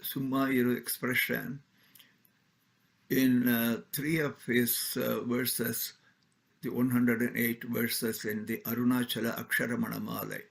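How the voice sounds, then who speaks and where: Gravelly man giving a measured discourse. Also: mid-range voice, flat delivery. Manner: measured, deliberate, explanatory; clears his throat often. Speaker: spiritual speaker. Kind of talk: formal spiritual discourse.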